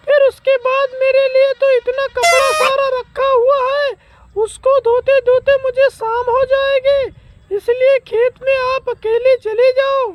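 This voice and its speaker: A woman's voice: extremely high pitch, muffled recording. A woman playing a young village daughter-in-law who argues back in a comedy skit, over a noisy background. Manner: talks back, argumentative.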